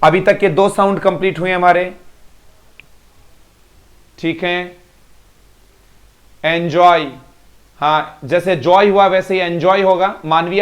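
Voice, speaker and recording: Even-toned man drilling pronunciation. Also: sits high. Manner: drills pronunciation by repeating words; praises students by name. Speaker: English teacher. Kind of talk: live online class.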